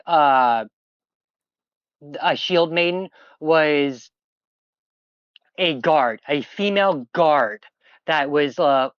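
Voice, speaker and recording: Smooth and medium-pitched, this voice comes through a muffled recording with no room sound. It's a game master streaming a tabletop game, rambling chattily as they explain a player's choices and dropping in plenty of fillers.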